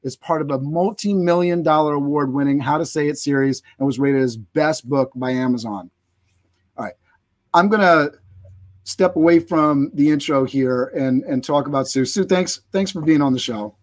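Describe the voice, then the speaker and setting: A man in his thirties hosts a live interview show on a video call. His voice is a bit higher than most men's, and he talks as the presenter. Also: normal speed. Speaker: host of a business show.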